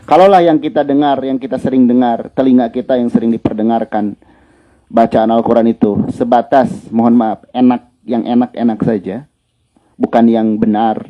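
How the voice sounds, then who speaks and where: A man's voice: medium pitch, steady tone, normal speed. A male Quran recitation teacher gives a religious lesson in a conversational way, repeating his key points. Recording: dull lo-fi lecture recording.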